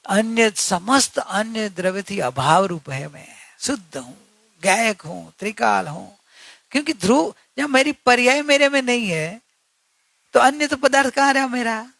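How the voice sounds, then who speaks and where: A man's voice: very high-pitched, animated, unhurried, creaky, fairly bright tone, no echo. A man giving an earnest religious discourse, repeating key points and asking rhetorical questions. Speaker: spiritual teacher.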